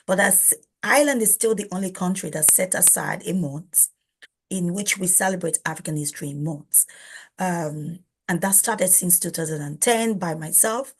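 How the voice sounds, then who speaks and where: A Nigerian woman hosting a live-streamed interview, talking in a chatty, informal way and often restarting her sentences. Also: lowish voice. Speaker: host.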